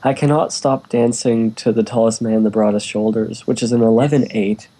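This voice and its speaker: A man's voice: fairly low pitch, steady tone, moderate pace, dark tone, low-quality recording. A laid-back man, a musician, chatting casually and chuckling often. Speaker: musician guest. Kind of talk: casual group chat.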